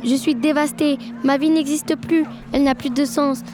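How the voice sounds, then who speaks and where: A woman's voice: sits high, fairly even intonation, normal speed, natural voice. Rosa, a tearful girl, read by a woman. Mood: grieving. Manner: tearful, pleading. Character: distraught young girl who lost her father. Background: background music.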